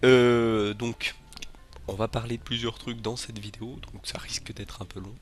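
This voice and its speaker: A man with a mid-range voice and a head cold talks casually to his channel's viewers at a normal speed and in a level tone. As host, he rambles hesitantly through a video announcement, full of filler sounds and restarts.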